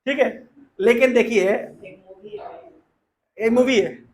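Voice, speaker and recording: A man giving a devotional talk who explains scripture, asks the audience questions, chants slowly and reads translations. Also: very high-pitched. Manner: explanatory, asks the audience questions and leads call-and-response recitation. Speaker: preacher.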